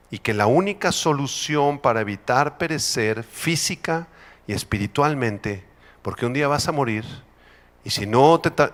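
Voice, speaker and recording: A man's voice: mid-range voice, a bit bright, in a large hall. A male pastor preaching a sermon emphatically, having the congregation repeat phrases.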